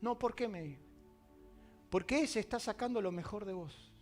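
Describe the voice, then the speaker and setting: Argentine male pastor, high bright voice, dramatic sermon delivery with soft music beneath. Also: normal speed. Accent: Argentine Spanish. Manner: dramatic, swings from loud emphasis to quiet asides.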